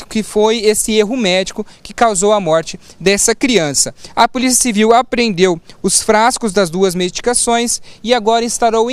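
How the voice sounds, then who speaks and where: A man with a Brazilian Portuguese accent giving a live news report, brisk and matter-of-fact with occasional stumbles. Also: sits high, clear, resonant tone. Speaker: field reporter.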